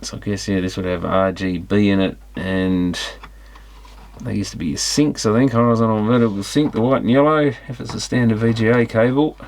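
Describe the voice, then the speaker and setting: This electronics repair hobbyist walks through a teardown in casual, unscripted commentary, musing as he examines each piece. His voice is on the low side and darkish, at normal speed.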